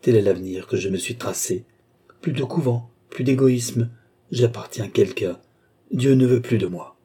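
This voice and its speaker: A man's voice: medium pitch, moderate pace, mellow, husky, natural voice. A man reading aloud gives voice to a proud young noblewoman, pleading and then flaring into commands. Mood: resolute. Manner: pleading, rising to commanding outbursts. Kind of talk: audiobook character reading.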